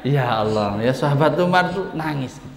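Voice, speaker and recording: A man's voice: mid-range voice, lively intonation, moderate pace, creaky. Javanese-accented man teaching, echoey hall. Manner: storytelling, mixes Javanese and Arabic, laughs often, voices characters. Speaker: Islamic teacher. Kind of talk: religious lecture on a classical poem. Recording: echoey room with long reverb.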